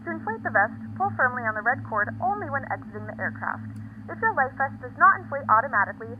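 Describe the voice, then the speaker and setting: A woman reading a scripted cabin safety announcement over an aircraft PA speaker, in a brisk manner. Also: high-pitched, big pitch swings. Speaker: flight attendant announcer. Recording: tinny PA line with faint hiss.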